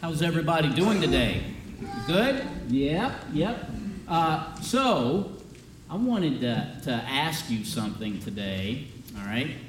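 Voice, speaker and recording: A man's voice: a little high, sing-song, takes it slowly, background noise. A male pastor giving a chatty children's sermon, asking the kids lots of questions. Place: church sanctuary. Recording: roomy, from a distance.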